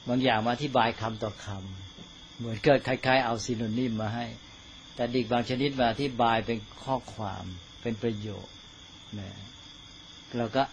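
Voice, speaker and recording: Monk teacher, informal dharma talk, deliberate pacing, keeps checking in with listeners. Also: male voice, mid-range voice, slight background noise.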